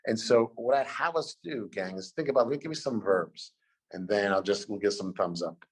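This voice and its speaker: A middle-aged man speaking as a guest speaker over a video call, lively, repeating key phrases and calling on listeners by name. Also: fairly low pitch, moderate pace, husky, rough recording. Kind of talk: motivational talk on video call.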